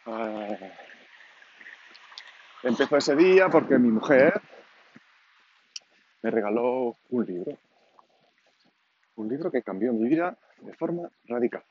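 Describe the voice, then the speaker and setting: A 49-year-old Catalan man, whose first language is Catalan alongside Spanish, speaks Spanish with a Catalan accent at medium pitch and with a darkish tone. He hosts a solo podcast, rambling and thinking aloud in an informal, unscripted monologue. The lo-fi home recording is dull, with clear background noise.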